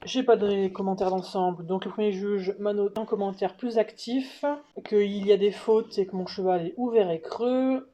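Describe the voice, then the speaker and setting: Lady going through her dressage marks one by one, relaxed voice, casual and unhurried. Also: mid-range voice, slight background noise. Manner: methodical, listing scores one by one; casual, with fillers. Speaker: horse rider vlogger. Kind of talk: voice-over commentary on a dressage test.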